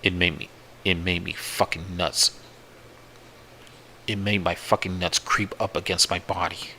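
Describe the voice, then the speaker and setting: Slow deep-voiced man telling a scary tale. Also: little pitch movement, sharp tone, slight background noise, low-quality recording. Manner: profane, slow, repetitive retelling. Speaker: horror story narrator. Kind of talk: first-person story narration.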